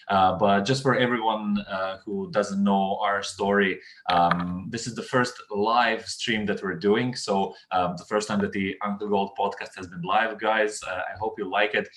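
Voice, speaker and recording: A man hosts a podcast in a low voice. He talks casually and relaxed, filling pauses with frequent ums and uhs. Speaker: podcast host. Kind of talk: casual conversation.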